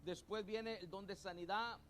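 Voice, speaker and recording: A middle-aged male pastor preaching a sermon, leading the congregation to repeat terms after him and repeating his points slowly. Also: high-pitched, steady tone, fairly bright tone, a little hiss or hum. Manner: call-and-response teaching, has the congregation repeat terms; spells out words letter by letter and repeats points slowly.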